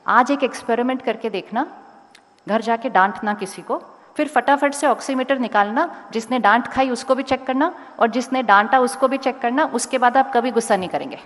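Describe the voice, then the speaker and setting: A woman giving a motivational spiritual talk to a school audience, speaking slowly and deliberately and sometimes calling on the crowd to raise their hands. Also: a little high. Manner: calm, slow and deliberate, rising to urge the crowd. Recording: long hall reverb.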